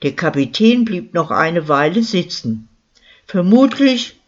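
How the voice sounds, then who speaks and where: Richard Maus, narrator doing a smug lying miller. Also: male voice, sits high, big pitch swings, takes it slowly, heavily acted. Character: boastful lying male village miller, smug. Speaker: character in a crime story. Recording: dull lo-fi recording.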